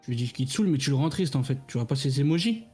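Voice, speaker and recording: A man's voice: mid-range voice, lively intonation, very fast, a little mellow, breathy edge, faint music behind. A young man on a voice call, joking and calling his friends bro in slangy casual talk. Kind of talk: casual chat.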